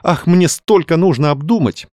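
A man reading aloud, voicing a lively, excitable young woman novelist in a raised, animated voice. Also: on the high side, moderate pace, dry recording, studio quality, voice pushed up, lightly acted. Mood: excited.

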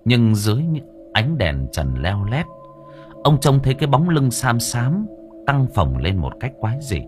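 A man narrating a horror story aloud with expressive, shifting delivery. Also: medium pitch, a little slow, soft background music. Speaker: audiobook narrator.

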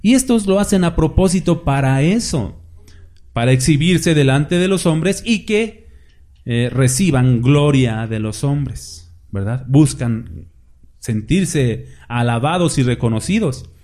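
A man's voice: mid-range voice, expressive, takes it slowly, darkish tone. A man preaching a conversational sermon, asking rhetorical questions and mimicking hypocrites in mocking asides.

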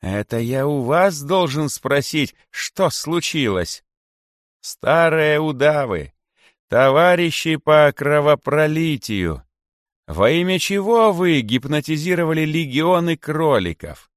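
A man voicing an old male python king who declaims slowly in bitter, theatrical outrage. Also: fairly high pitch, big pitch swings, no echo, studio quality, voice pushed up. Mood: bitter wailing. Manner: slow, drawn-out, wailing declamation.

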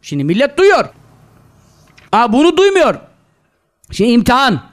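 Addressing a live gathering, a male preacher scolds the crowd and peppers them with rhetorical questions, quoting Arabic scripture along the way. His very high voice swoops wildly up and down at a moderate pace.

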